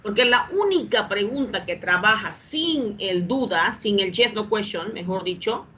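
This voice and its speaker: In a dull, lo-fi recording with faint background hum, a woman gives a classroom explanation of English grammar. Her mid-range voice is animated, bright and forceful, at a measured pace. She repeats each step patiently and asks whether the class has understood.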